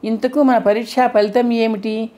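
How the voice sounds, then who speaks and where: A woman's voice: on the high side, steady tone, moderate pace, warm tone, natural voice. A woman voicing a proud, blunt male god of speech in an audiobook, talking in a curt, impatient way.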